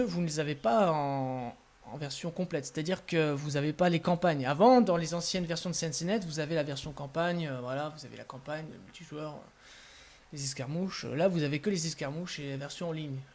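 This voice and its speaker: A man giving a casual walkthrough of gaming software, talking with enthusiasm and stumbling through frequent fillers and restarts. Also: a little high. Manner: hesitant, many filler sounds and restarts. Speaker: gaming video host.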